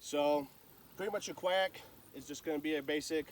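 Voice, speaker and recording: A man's voice: a little high, normal speed, distant mic, slight background noise. A man giving casual, folksy, plain-spoken instruction as a hunter sharing calling tips.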